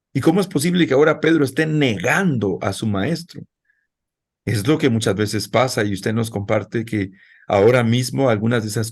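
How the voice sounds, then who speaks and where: A man's voice: mid-range voice, husky. Man preaching a conversational sermon. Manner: conversational preaching, addressing the congregation directly. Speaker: pastor.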